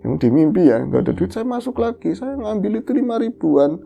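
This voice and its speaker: A woman host retelling a listener's ghost story in the first person, lively and animated, acting out the quoted voices. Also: mid-range voice, a little fast, creaky, a little hiss or hum. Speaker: horror story podcast host.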